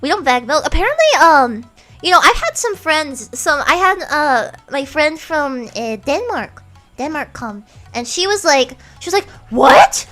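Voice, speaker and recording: A young woman from the United States chats on a stream in a high, lively voice that leaps up and down. Her tone is bright and she talks in a giggly, animated way. Faint music plays behind her. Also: measured pace. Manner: giggly, chatty, animated storytelling. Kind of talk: casual chat.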